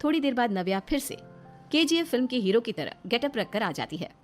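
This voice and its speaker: High-voiced woman storyteller over music. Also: big pitch swings, a little fast. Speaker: narrator. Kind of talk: scripted story narration.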